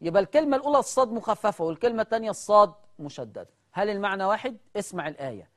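A speaker with an Egyptian accent teaching Quran recitation in a televised lesson, firing rhetorical questions at viewers and answering them, and slowing down to stress single words. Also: medium pitch, expressive, a bit bright. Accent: Egyptian Arabic.

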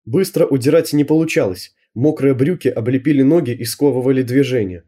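A man narrating an audiobook in a lively storytelling manner. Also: medium pitch, a little fast, slightly rough. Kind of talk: scripted narration.

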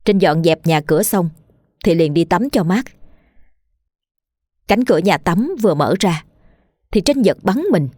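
A woman reads a horror story aloud in a steady, measured way, her voice sitting on the low side. Faint music plays underneath. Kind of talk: scripted horror story narration.

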